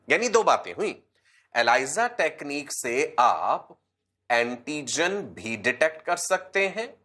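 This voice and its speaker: A man teaching online sounds a little hoarse from a light cold, his medium-pitched voice pushed and bright. With patience, he calls the students "beta" and keeps repeating the key terms.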